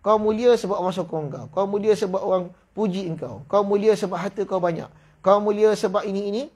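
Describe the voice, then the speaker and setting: A man with a Malaysian Malay accent giving a religious lecture in a mosque hall, reading slowly from a book and then explaining in brisk, casual speech. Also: sits high, steady tone, a little mellow. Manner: slow deliberate reading of kitab passages, then brisk colloquial explanation with laughs; acts out voices in quoted stories. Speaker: religious teacher.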